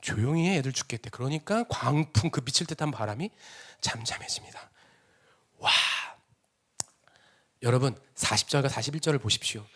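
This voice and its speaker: A man preaching an emotional Sunday sermon in a church, swinging between loud exclamations and hushed whispers. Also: medium pitch, moderate pace, pauses often, husky. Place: church sanctuary.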